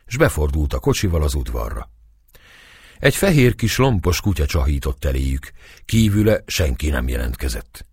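A man narrating an audiobook with expressive storytelling. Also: rumbling low, slightly rough, dry recording, studio quality.

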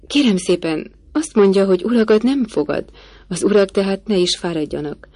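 A woman's voice: mid-range voice, expressive, warm tone, no echo. A woman voicing a nervous, deferential male footman in an audiobook. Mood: reporting. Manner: deferential, apologetic.

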